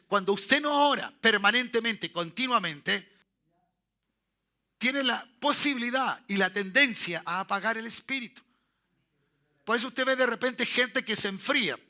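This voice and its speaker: A man, pastor of a church, preaching a sermon and checking in with his congregation through short tag questions, often repeating and restarting phrases and rising into loud bursts of praise. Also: high-pitched. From Chile.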